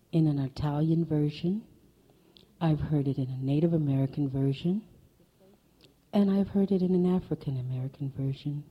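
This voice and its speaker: A storyteller with a deep, slightly rough voice performs folk tales for an audience, dramatically dropping into whispers for effect. The audio sounds dull.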